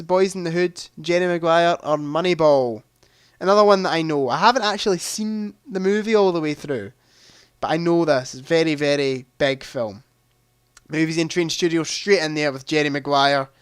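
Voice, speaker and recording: A man's voice: on the high side, clean tone, no echo, clean studio sound. A man hosting a live movie quiz stream, chatting casually, thinking aloud and making self-deprecating asides.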